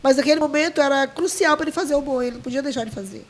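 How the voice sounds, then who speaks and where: High-voiced woman. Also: very fast, a little hiss or hum. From Maranhão, Brazil. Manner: heartfelt, full of restarts and quoted dialogue. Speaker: guest, leader of a folk dance group. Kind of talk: emotional storytelling.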